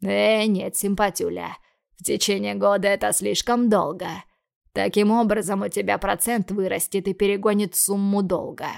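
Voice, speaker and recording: In an audiobook scene, a woman reader plays a crude male debt collector, dropping her voice into a slow, taunting drawl. It has a gravelly edge, fairly even intonation, and a menacing sneer.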